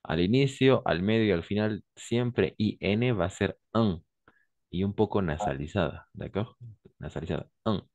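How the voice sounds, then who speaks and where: A man's voice: on the low side, a little mellow, dry recording, muffled recording. A man teaching French to Spanish speakers, explaining patiently, switching into Spanish and checking in again and again. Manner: slow, patient explaining, constant "d'accord?" checks.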